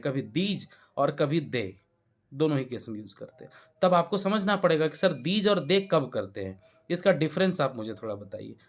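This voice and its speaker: A man with an Indian accent teaching English grammar in a classroom-style lesson, often stopping to check that students follow. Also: a little high. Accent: Indian Hindi-speaking. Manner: explanatory, checks understanding with repeated questions.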